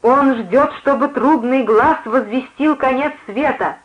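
A reader voicing a fervent female street preacher who cries out her sermons in a shrill, exalted voice, heard on a muffled lo-fi recording. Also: lively intonation, unhurried.

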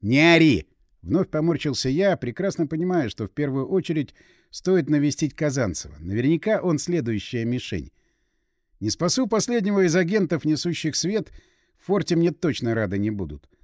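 A man narrating a first-person action audiobook with a brisk, expressive reading. His voice sits a touch high and moves lively through its range. The sound is dry and close. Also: no room sound.

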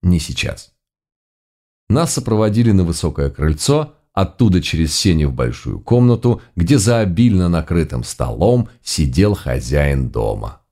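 A man's voice: low voice, big pitch swings, normal speed, hardly any pauses, dark tone. A man reading a first-person story aloud in a wry, conversational way. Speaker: audiobook narrator. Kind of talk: first-person audiobook narration.

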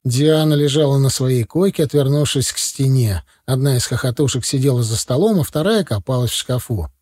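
A man narrating a first-person audiobook in a lively storytelling manner, acting out the dialogue. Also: mid-range voice, brisk, breathy edge.

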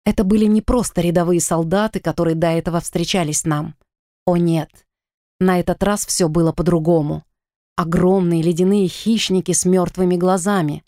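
A woman narrating a first-person fantasy audiobook in an expressive, dramatic reading. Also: fairly low pitch, moderate pace, dry recording, studio quality.

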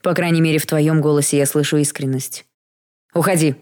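Woman putting on a deep, vibrating dragon voice. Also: fairly even intonation, fairly quick, darkish tone, close to an everyday voice. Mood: menacing. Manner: cold, threatening. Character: dragon-possessed young woman, menacing.

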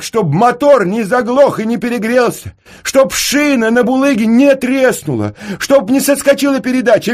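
Male narrator as excitable teen street boy, high husky voice, lively audiobook voice. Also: exaggerated voice. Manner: high, breathless, pleading. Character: excitable teenage street boy, tearful and eager. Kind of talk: audiobook character reading.

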